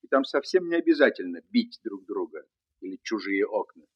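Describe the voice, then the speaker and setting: A man's voice: fairly low pitch, very animated, fairly quick, highs cut off. An actor playing a kindly, fatherly former soldier who talks to children in playful mock-military style. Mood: gentle, fatherly. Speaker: actor in a dramatized story. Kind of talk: dramatic film or radio acting.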